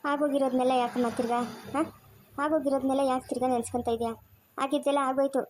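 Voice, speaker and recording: A woman with a high voice and a Chikkaballapur Kannada accent plays out a homemade family drama. She rattles off fast, scolding village talk. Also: flat delivery, a little mellow, a little hiss or hum. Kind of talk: amateur family drama acting.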